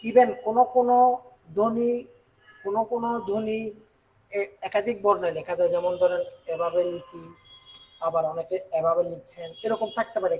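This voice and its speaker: A man from Bangladesh working through exam questions as a tutor, repeating key words and asking quick check questions. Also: sits high, rough recording. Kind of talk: exam question walkthrough lesson.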